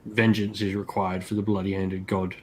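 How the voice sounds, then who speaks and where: A man's voice: sits low, level tone, moderate pace, slight background noise, natural voice, poor audio. A man voicing a stern, vengeful female witch elf leader in a tabletop game, speaking in a cold, demanding way.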